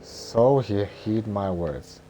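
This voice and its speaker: A man voicing a boastful, bossy little dragon guardian from an animated film script, with blustering, stumbling delivery. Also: fairly low pitch, drawn-out words, rough recording. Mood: urgent, bossy. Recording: noticeable background noise.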